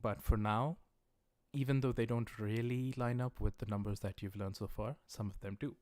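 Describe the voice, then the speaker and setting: A native English-speaking man teaches Japanese in a livestream, patiently explaining patterns step by step and reading viewer questions aloud. He slows down to pronounce Japanese words carefully. His voice is fairly low, a little mellow, and fairly even, recorded dry.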